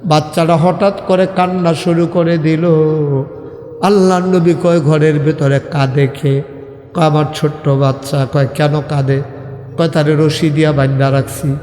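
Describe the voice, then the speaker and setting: High, echoing man preaching a sermon. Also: flat delivery, a little slow, mellow. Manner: storytelling, acting out dialogue, rising to sung and cried lines. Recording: echoey hall with long reverb.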